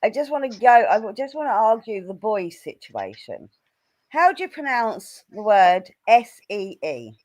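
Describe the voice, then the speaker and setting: A woman's voice: mid-range voice, sing-song, a little slow, darkish tone, muffled recording. A woman in casual chat on a video call, teasing and arguing her point. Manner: argumentative, teasing.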